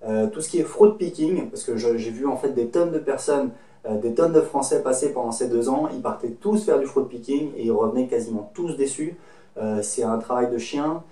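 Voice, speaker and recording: A man's voice: medium pitch, mellow. A man from France in his thirties, hosting a casual advice talk to camera, chatty and friendly, drawing on his own travels. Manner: chatty, friendly, speaks from personal experience. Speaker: host giving travel advice. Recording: echoey room, mic set at a distance.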